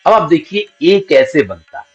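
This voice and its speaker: A man teaching Sanskrit grammar, patiently explaining and sounding out each syllable slowly as an example. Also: fairly high pitch, big pitch swings. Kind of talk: spoken grammar lesson. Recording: dull lo-fi audio with faint background music.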